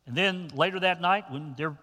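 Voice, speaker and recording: A man preaching a sermon to his congregation as pastor, telling the story with animated, folksy asides. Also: a little high, normal speed, long reverb tail.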